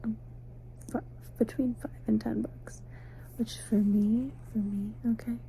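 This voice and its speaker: Woman, ASMR ramble, breathy whisper, creaky, flat intonation, intimate, unhurried, casual. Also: on the high side, slight background noise, rough recording. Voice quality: soft, breathy, mostly whispering. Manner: sleepy, unhurried, intimate, addressing the listener. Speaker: ASMR host. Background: faint night ambience, crickets outside.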